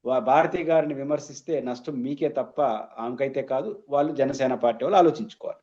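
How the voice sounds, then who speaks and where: A man's voice: mid-range voice, brisk, dark tone, muffled recording. A man, a political analyst, giving emphatic and argumentative commentary as a guest in an interview.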